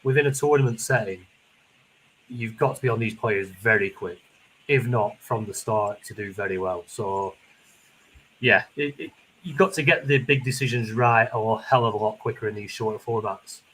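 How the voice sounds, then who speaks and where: A man's voice: on the low side, moderate pace, fairly bright tone, a little hiss or hum, poor audio. A man from the northwest of England with a Lancashire accent hosts a casual football podcast. His voice comes with noticeable heavy rain around the conservatory he sits in. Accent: Lancashire English. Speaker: fantasy football podcast host.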